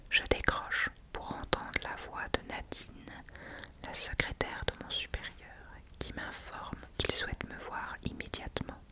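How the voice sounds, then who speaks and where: A person reading a novel aloud in a soft, hushed ASMR whisper, like someone whispering in a library. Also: a little slow. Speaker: audiobook-style reader.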